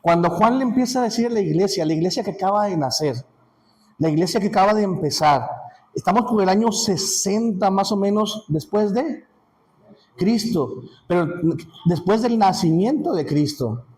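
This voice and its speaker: Mexican man, Sunday school teacher, higher voice, stumbling restarts, faint noise behind. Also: lively intonation, a little mellow, low-quality recording. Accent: Mexican Spanish. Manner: halting, many restarts and filler words, checks in with listeners. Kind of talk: casual Bible class teaching.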